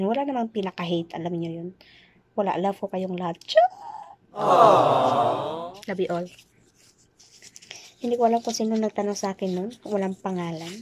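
A young woman from the Philippines, a nurse working abroad, chatting loudly and teasingly as she answers questions in a casual vlog. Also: medium pitch, a little hiss or hum. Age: young adult. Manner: loud, chatty, teasing, jokes then says she's kidding. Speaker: vlogger, overseas dental nurse.

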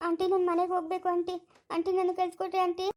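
A woman's voice: extremely high pitch, completely flat delivery, fast talker, a little mellow. A woman playing a frightened young village girl who pleads tearfully in an amateur family drama, in rural Chikkaballapura Kannada. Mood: pleading.

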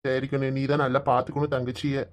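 A woman voicing a caring village father in an animated cartoon, soothing and fatherly. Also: a bass voice, fast talker. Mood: tender. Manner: soothing, fatherly advice and comic storytelling. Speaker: father figure. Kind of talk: Tamil cartoon voice acting.

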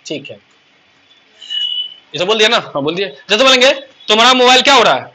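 Male English teacher, high sharp voice, quizzing style. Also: sing-song, quick pace. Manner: drills students with repeated questions, playful asides. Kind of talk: spoken English lesson.

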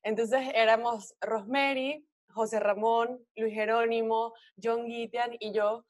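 A woman with a Venezuelan accent tells stories from her acting work in a lively, chatty way. Her voice sits fairly high, and she often acts out her own past words and other people's. The sound is dry and close, with no room echo. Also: unhurried. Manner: animated storytelling, quotes herself and others. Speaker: actress guest. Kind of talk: casual interview chat.

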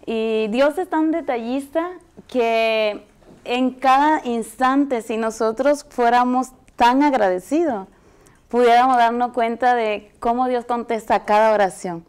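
A woman's voice: on the high side, a little slow, smooth. Earnest woman telling her testimony. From Dominican Republic. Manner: earnest, animated storytelling with hesitations. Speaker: guest. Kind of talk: TV interview testimony. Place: TV studio set, indoors. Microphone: lapel mic.

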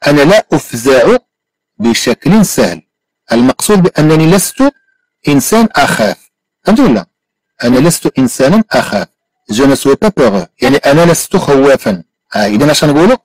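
Moroccan man teaching English slowly. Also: mid-range voice, no room sound, rough recording. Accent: Moroccan Arabic. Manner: slow careful repetition of English phrases. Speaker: language teacher. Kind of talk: bilingual English lesson.

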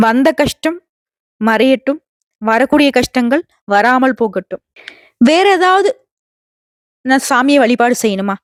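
A woman's voice: fairly high pitch, no room sound, studio quality. A woman giving an earnest, reassuring devotional horoscope talk, speaking straight to her viewers. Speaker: astrology channel host.

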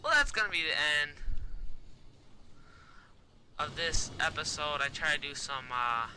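A man's voice: a little high, measured pace. A man giving casual gameplay commentary as a video creator, breathing audibly as he talks. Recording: loud hum and engine noise. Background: game vehicle engine drone.

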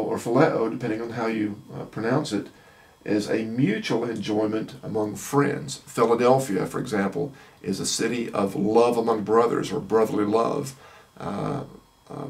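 A man with a lowish, gravelly voice teaches a Bible lesson, explaining each point in a measured way and pausing often. He sounds a little distant from the microphone. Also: a little mellow. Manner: measured, explanatory, many "uh" pauses. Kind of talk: unscripted teaching talk.

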